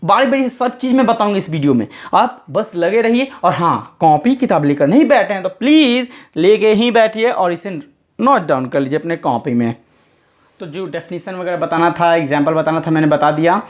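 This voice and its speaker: A man's voice: sits high, lively intonation. A man teaching English grammar as a classroom lesson, patiently spelling words out letter by letter and repeating phrases. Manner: patient, explains slowly and step by step.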